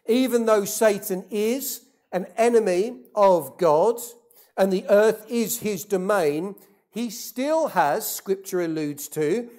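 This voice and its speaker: Slow, deliberate preacher giving a sermon. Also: medium pitch, a little mellow. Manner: deliberate, repeats key phrases for emphasis; asks the congregation rhetorical questions.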